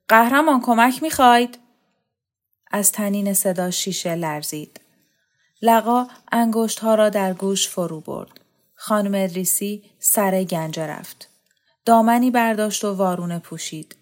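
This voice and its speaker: A woman's voice: mid-range voice, darkish tone. Woman reading a story aloud. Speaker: audiobook reader. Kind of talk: scripted narration.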